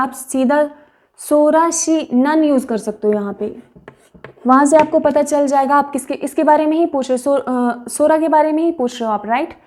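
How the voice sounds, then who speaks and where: A woman teaching a language lesson, explaining patiently and repeating example phrases slowly, syllable by syllable. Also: sits high, a little mellow.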